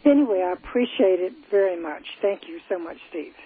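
A woman calling in to a radio show over the phone, agreeing readily with quick affirmations. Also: fairly low pitch, animated. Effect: phone call-in heard over the radio. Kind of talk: call-in chat. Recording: tinny phone line.

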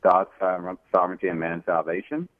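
A man phoning into a radio call-in show, his very deep voice squeezed through a tinny phone line with a dry, close sound. He talks hesitantly, stopping for ums and restarting his sentences. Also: level tone, brisk, dry recording. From Florida, USA. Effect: radio show caller over a phone line. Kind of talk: call-in question to a Bible teacher.

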